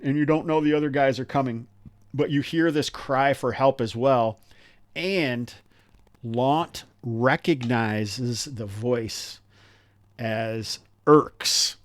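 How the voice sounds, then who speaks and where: A man's voice: medium pitch, takes it slowly, no echo. A man running a live tabletop game as game master, explaining rules in a chatty way with lots of fillers.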